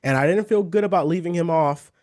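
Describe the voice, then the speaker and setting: Young man giving measured sports takes. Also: on the high side, a little mellow. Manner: measured, hedging takes with fillers. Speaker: podcast co-host. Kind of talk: casual sports debate.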